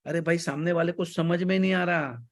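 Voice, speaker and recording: A man's voice: a little high, steady tone, moderate pace. Indian man coaching a class. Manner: varies pace and volume on purpose, mixes Hindi and English. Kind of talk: online class talk.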